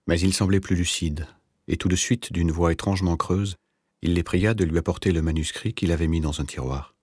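A man reading a novel aloud as narrator, in a measured, even literary delivery. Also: low voice, husky, no room sound. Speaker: audiobook narrator.

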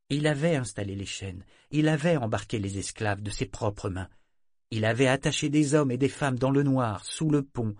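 A man's voice: mid-range voice, no echo. Male audiobook narrator, dry close sound. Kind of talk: scripted narration.

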